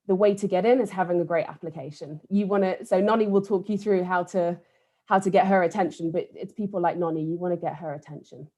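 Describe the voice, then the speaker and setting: A woman from England with a lowish, mellow voice talks on a careers panel over a video call. She is chatty and eager and keeps restarting her sentences as she goes. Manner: chatty, enthusiastic, many restarts. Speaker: panellist, think tank team manager. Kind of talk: online careers panel talk.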